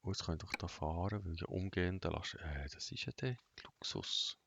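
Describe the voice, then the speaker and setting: Flat, monotone Swiss man, gravelly and low. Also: normal speed, no echo, muffled recording. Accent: Swiss German. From Bern, Switzerland. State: flat, monotone, emotionless delivery. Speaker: gamer. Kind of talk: casual gameplay commentary.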